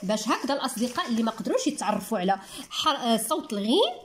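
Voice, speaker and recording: A woman with a Moroccan accent teaching young children to read, sounding words out slowly one syllable at a time in a patient manner. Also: fairly high pitch, very animated, a little hiss or hum. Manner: patient, talks to children as little ones. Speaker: primary school teacher. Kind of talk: reading lesson for young children.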